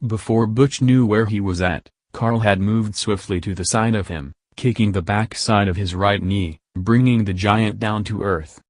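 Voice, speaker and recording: Low-voiced male audiobook narrator. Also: steady tone, moderate pace, few pauses, no room sound.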